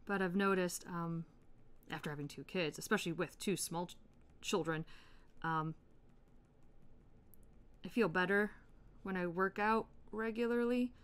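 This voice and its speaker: Lower-voiced woman chatting while she colors. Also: measured pace, long pauses. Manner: relaxed and chatty, with soft murmured asides. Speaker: art tutorial host. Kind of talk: casual chat while coloring.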